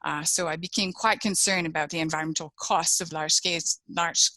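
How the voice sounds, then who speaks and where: Bright-voiced researcher woman, full of fillers. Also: low voice, fairly even intonation, brisk, no room sound, low-quality recording. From Quebec, Canada. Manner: hesitant, many fillers and restarts. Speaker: agronomy researcher, guest. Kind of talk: interview answers. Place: home office.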